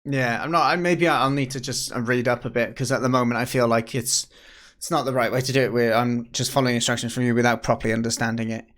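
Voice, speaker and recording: A man from the UK chats with viewers during a game development livestream, sounding tired and worn. He thinks aloud and keeps restarting his sentences. His voice sits at an ordinary middle pitch. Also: steady tone, fast, few pauses, fairly bright tone. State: tired, yawning. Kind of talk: casual livestream chat.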